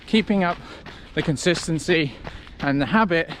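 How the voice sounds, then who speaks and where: A man talking casually to camera as a running vlogger, in a reflective, conversational way with halting short phrases. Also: fairly high pitch, expressive, fairly bright tone, a little hiss or hum. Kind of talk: casual vlog talk to camera.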